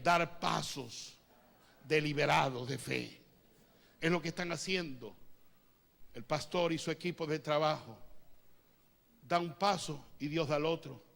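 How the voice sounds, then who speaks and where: Male pastor, high voice, preaching with sudden drops to a hush, speaks in tongues. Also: creaky. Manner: swings from loud preaching to hushed, drawn-out lines. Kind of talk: sermon. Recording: long hall reverb.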